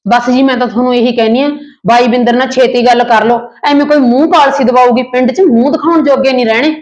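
A woman's voice: steady tone, fast, a little mellow, highs cut off, lightly acted. A woman playing a jealous aunt who complains about her niece and nephew. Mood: complaining. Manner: complaining, shrill when angry. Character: scheming jealous village aunt, middle-aged.

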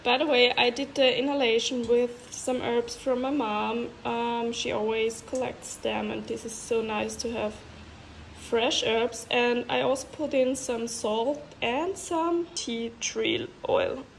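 A woman's voice: a little high, steady tone, takes it slowly, gravelly, slight background noise. A young woman with a sick, congested voice, chatting casually in a daily vlog and laughing often. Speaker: vlogger.

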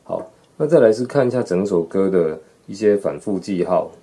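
A man's voice: sits low, expressive, moderate pace, warm tone, breathy edge. A man teaching how to read a sheet of music, explaining patiently step by step, counting beats aloud and scatting through passages.

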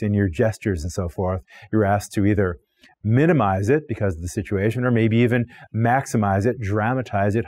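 A man's voice: fairly low pitch, darkish tone, no echo. A middle-aged man explaining ideas in a recorded online course lecture, talking freely with frequent restarts and repeated words, filmed in a studio. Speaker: philosophy lecturer. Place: studio with plain backdrop.

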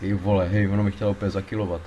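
A man giving casual gameplay commentary, excitable, swearing a lot and panicking loudly when things go wrong. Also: sits low, lo-fi sound, a little hiss or hum. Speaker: let's play gamer.

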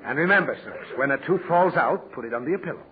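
This man speaks fast, a little high, with lively expression and a natural sound. The part is the fussy, patient dad of a mischievous girl in a 1940s radio comedy, sentimental and quick to get flustered as he scolds her, heard through a tinny, softly hissing old broadcast.

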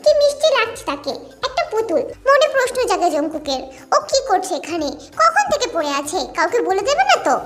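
High-voiced woman narrating a romance. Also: brisk. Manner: expressive, dramatic reading. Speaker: storyteller. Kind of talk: scripted romantic story narration. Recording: background music under the voice.

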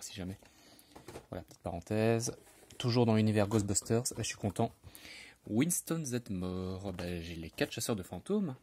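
A man with a Belgian French accent chatting casually through his monthly haul of collectible figures, rambling with fillers and asides. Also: on the low side.

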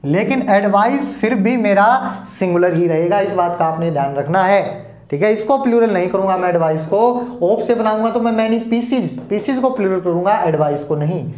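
A man's voice: high-pitched, expressive, moderate pace, darkish tone. A man teaching an English grammar lesson to students, explaining patiently and repeating each point. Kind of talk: classroom lesson explaining at a board. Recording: echoey room.

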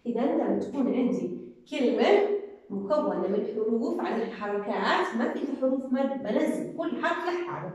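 A woman teacher gives an early-grade reading lesson, slowly sounding out each syllable. Her voice sits a little high. She is recorded from a distance in a room with a long, echoing reverb. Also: animated, a little mellow, lo-fi sound. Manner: slow, sounding out syllables patiently. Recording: echoey room from far off.

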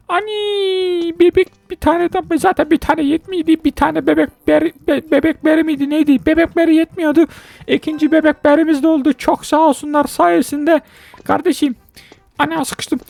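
A woman hosting a let's-play game commentary, excitable and joking, with constant exclamations and banter aimed at her viewers. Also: high-pitched, vocal fry, dry recording. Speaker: gaming channel host.

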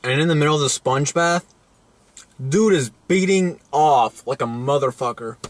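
A man's voice: on the high side, moderate pace, no room sound. A young man co-hosting a crude comedy show, telling rambling joking stories with slang and filler. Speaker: co-host.

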